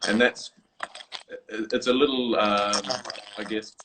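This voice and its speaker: Hesitant low-voiced man on a video call. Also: steady tone, noisy background. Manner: halting, many fillers and restarts. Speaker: guest, coffee brewer designer. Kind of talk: remote interview, explaining a product. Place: office.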